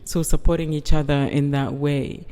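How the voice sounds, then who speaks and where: A reflective guest artist from the UK speaks slowly and thoughtfully, weighing each phrase. The tone is mellow and dark. The voice carries a long, hall-like reverb. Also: medium pitch, flat delivery, clean tone. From United Kingdom. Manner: slow, measured, reflective. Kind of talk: interview conversation.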